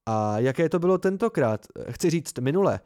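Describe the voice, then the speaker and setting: An eccentric robed man, absent-minded and hesitant, now and then putting on a grand booming tone, as a male reader voices him. His voice is mellow and low, dry with no room sound. It fits a homemade storybook reading. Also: expressive, clear, resonant tone, no room sound, natural voice. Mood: distracted. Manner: theatrical then distracted and hesitant.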